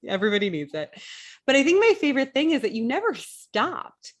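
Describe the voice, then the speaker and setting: A woman's voice: sits high, big pitch swings, a little fast. Enthusiastic woman hosting an interview. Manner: enthusiastic, laughs often. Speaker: podcast host. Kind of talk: casual interview chat.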